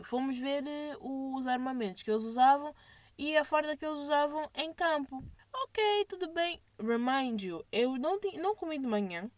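Animated high-voiced young woman. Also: no room sound. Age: young adult. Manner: animated, mixes English phrases into Portuguese. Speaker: vlogger. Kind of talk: casual storytime monologue.

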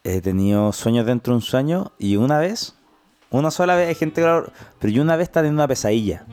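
Low-key Chilean man, dry teasing. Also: lively intonation, fast talker, a little mellow. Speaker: podcast co-host. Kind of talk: casual chat.

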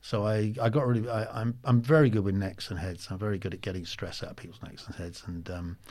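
A man in his sixties telling stories in a casual interview, halting with many ums and restarts. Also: fairly low pitch, steady tone, darkish tone. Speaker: guest, former soldier.

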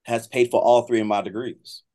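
A middle-aged American man from Miami, a trombone professor, talks conversationally as an interview guest, often repeating and rephrasing himself. His voice is medium-pitched and dark, with a steady tone and moderate pace.

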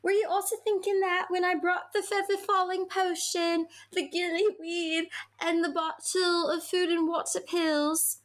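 A woman reading aloud and voicing a smug know-it-all boy wizard in a mock-grand, drawn-out way. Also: extremely high pitch, level tone, pitched above the performer's own voice. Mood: indignant.

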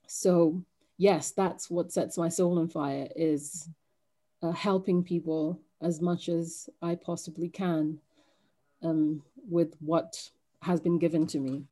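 A woman's voice: low-pitched, fairly even intonation, slow, dark tone. A woman from Kenya, a podcast guest, speaking in a thoughtful, hesitant way with many ums. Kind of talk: podcast conversation.

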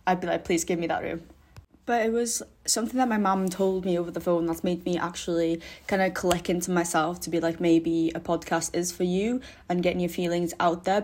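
A young woman, hosting a casual solo podcast in a rambling, candid way, with frequent swearing and self-mocking humour. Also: lowish voice. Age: young adult. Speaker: podcast host.

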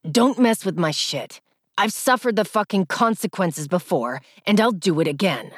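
A woman's voice: medium pitch, lively intonation, normal speed, dry recording, studio quality, close to an everyday voice. A woman voicing an angry young man who sneers and talks through clenched teeth. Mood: sneering, angry.

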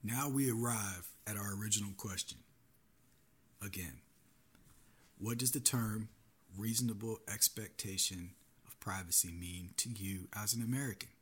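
A man's voice: lowish voice, moderate pace, a bit bright, husky. A man hosting his own podcast, giving earnest solo commentary with a warning tone. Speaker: podcast host.

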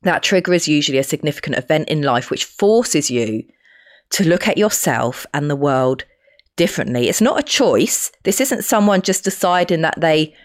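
Female podcast host, London accent, low-pitched, froggy croak from a heavy cold, conversational explainer delivery. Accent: London English. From West London, England. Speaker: podcast host and spiritual medium.

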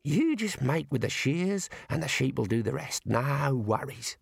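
A man's voice: sing-song, a little slow, creaky, husky, no room sound, studio quality, exaggerated voice. A man voicing a laid-back male ram that whispers confidingly in a storybook. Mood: sly. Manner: low confiding whisper, easygoing. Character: male ram, secretly clever, whispering laconic.

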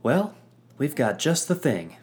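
A man's voice: fairly high pitch, very animated, slow pace, darkish tone, pitched above the performer's own voice. A man voicing a cheeky, upbeat amphibian-like male crewman. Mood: knowing. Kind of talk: audio drama character acting.

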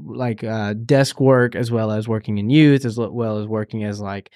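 A man's voice: lowish voice, fairly even intonation, moderate pace, a little mellow, dry recording, clean studio sound. A man co-hosting a church podcast, speaking in casual conversation with many fillers and restarts.

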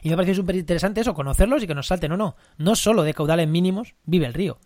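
Fast-talking podcast host. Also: male voice, high voice, a little mellow, dry recording, clean studio sound. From La Mancha, Spain. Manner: fast, enthusiastic explaining with restarts. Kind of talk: casual podcast chat.

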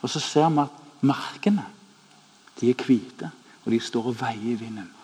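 A man preaching a sermon, telling stories animatedly, acting out the people in them, and dropping to a hushed voice at times. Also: mid-range voice, breathy edge. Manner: animated, acts out quoted voices, drops to hushed tones. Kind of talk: sermon with storytelling. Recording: echoey hall, long reverb.

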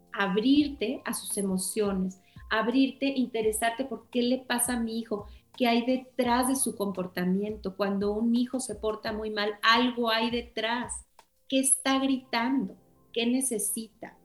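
Woman, parenting coach on a podcast, fairly high voice, earnest, quotes dialogue, echoey room, faint music behind. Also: a little slow. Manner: earnest, advice-giving, acts out quoted dialogue. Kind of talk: casual podcast conversation.

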